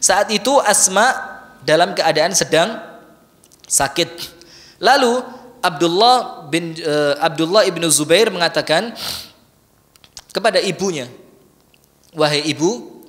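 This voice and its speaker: A man, preaching a sermon in a lively, conversational way that teases his listeners. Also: sits high, measured pace, pauses often. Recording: long hall reverb.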